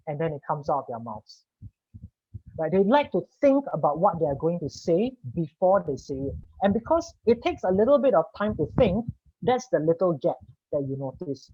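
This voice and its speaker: A man's voice: high voice, mellow, husky, no echo, highs cut off. A communication coach from Singapore presenting a webinar and explaining ideas to his audience, often checking in with "right?". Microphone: video call.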